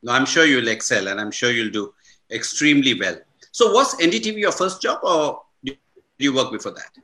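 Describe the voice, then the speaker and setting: Bright-voiced man interviewing conversationally. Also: mid-range voice, sing-song, brisk.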